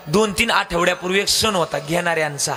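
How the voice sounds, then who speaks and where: A man's voice: high-pitched, brisk, pushed and bright, long reverb tail. A man with a Marathi accent preaching a devotional kirtan, telling a story, questioning the crowd and breaking into sung lines.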